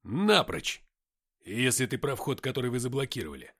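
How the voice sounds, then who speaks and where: A man voicing a loud gruff soldier. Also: medium pitch, sing-song, normal speed, heavily acted.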